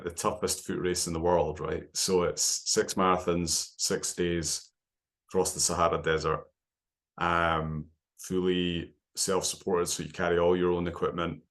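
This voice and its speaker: A man speaking as a podcast guest, telling stories in a relaxed, animated way and often ending points with "right?". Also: low-pitched. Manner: animated storytelling, frequent "right?" tags. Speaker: podcast guest, endurance runner. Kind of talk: casual conversation.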